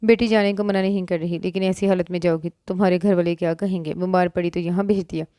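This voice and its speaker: A woman's voice: fairly low pitch, steady tone, fast talker, mellow, no echo, clean studio sound, natural voice. A woman voicing a caring, motherly older woman who soothes her daughter in a storybook reading. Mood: soothing.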